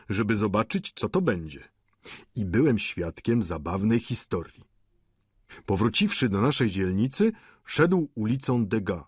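A husky-voiced man playing a sly, mocking middle-aged lodger in an audiobook, telling gossip with swagger. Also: fairly low pitch, fairly bright tone, no room sound, studio quality, exaggerated voice.

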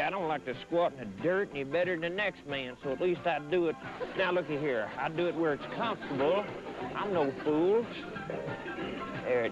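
An actor playing a folksy, cantankerous old prospector who rambles in a comedy sketch. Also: male voice, fairly high pitch, lightly acted. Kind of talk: mock documentary comedy sketch. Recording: muffled old VHS tape, music behind.

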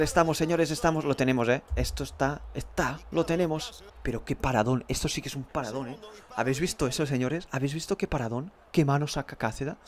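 A young man with a Spanish accent from Spain, giving an excitable, swearing live reaction to a football penalty shootout. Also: mid-range voice.

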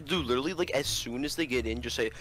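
A man's voice: mid-range voice, fast, over a noisy crowd. A young man in a casual group chat, crude and egging his friends on. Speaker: friend in the video.

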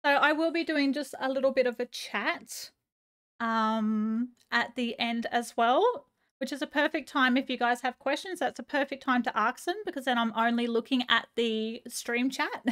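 Gushing high-voiced woman live streamer. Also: a little slow, fairly bright tone. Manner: gushing, chatty, reads chat aloud. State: voice going a little hoarse. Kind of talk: casual live-stream chat.

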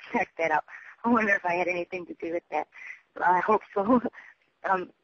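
This muffled, dull phone voicemail captures a person rambling urgently, emphatic and repetitive with a tendency to swear. Recorded through a telephone with no room sound, the voice is medium-pitched at a normal speed.

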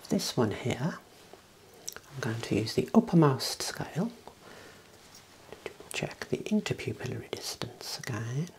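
Whispering into a lapel-clipped wireless mic held close, a man in his thirties role-plays an optician for ASMR in a small indoor room. The mid-range voice carries vocal fry, and the recording quality is low. He gives hushed clinical instructions, unhurried and soothing.

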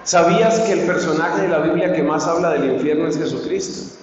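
A man preaching a sermon as a priest, swinging from hushed pleading to fervent shouting. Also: on the high side, a little fast, a little hiss or hum. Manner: impassioned, swings from soft to shouting. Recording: echoey hall, distant mic, dull sound.

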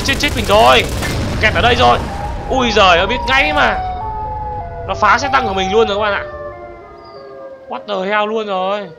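A young man commentating a game, excitable and talking straight to viewers, bursting into panicked shouts. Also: high-pitched, noisy background. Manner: talks to viewers directly. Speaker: gaming channel host. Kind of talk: let's play commentary. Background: loud game music.

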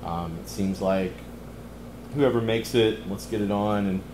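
A middle-aged man, chatting casually in a cigar lounge as he reviews a cigar, relaxed and easygoing with many ums. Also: on the low side, unhurried, reverberant, background noise. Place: cigar lounge, indoors, leather chairs.

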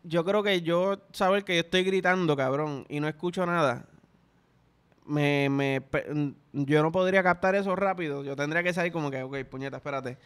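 A man's voice: fairly high pitch, steady tone, moderate pace, clear, resonant tone. A young man with a Puerto Rican accent, telling loose, profane stories in casual podcast chat. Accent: Puerto Rican Spanish. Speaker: podcast host.

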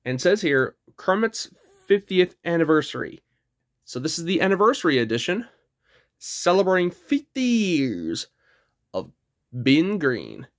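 A man's voice: a little high, sing-song, unhurried. A man casually reviewing a DVD for his channel, chatty and eager as he points out what he is showing.

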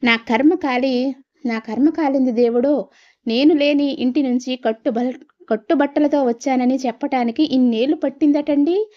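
A woman's voice: high-pitched, normal speed, muffled recording, close to an everyday voice. Woman voicing a tearful pleading wife. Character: wailing middle-aged wife, mother-in-law.

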